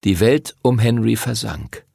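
Gravelly, expressive German-free audiobook narrator man. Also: lowish voice, a little slow, dry recording, clean studio sound. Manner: expressive, storytelling.

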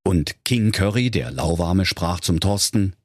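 A man telling a comic fairy tale to children in a playful, animated storytelling manner. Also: low-pitched, measured pace, no room sound, studio quality.

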